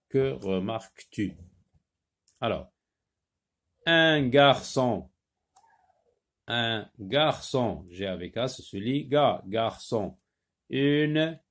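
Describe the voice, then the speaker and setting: A man gives a reading lesson to young children at a very slow, deliberate pace. He stretches out each word and sound for his pupils to copy. His pitch rises and falls in a lively, sing-song way. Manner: slow, drawn-out modelling of sounds and words. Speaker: teacher.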